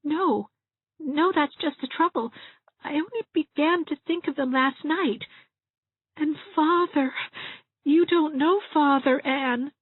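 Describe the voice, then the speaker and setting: In an audiobook, a woman voices a frightened, self-pitying young bride-to-be who sobs, stammers and wails in a tearful, whiny way. Her voice is high-pitched and pushed up, and the pace is slow. The recording is dry, with thin, narrow-band sound like a phone.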